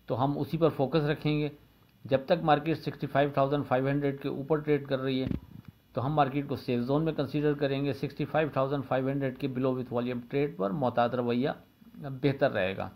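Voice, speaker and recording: A man from Pakistan with a Pakistani Urdu accent giving a daily stock market forecast, steady and methodical, often pausing with fillers. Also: on the high side. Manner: steady, methodical, repeats figures and levels, frequent "uh" fillers.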